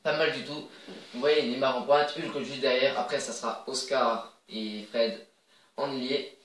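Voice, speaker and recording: A man casually commenting on his own soccer video game match, chatty and excitable, cheering on his players. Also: medium pitch, measured pace, roomy sound, far from the mic, slight background noise, rough recording.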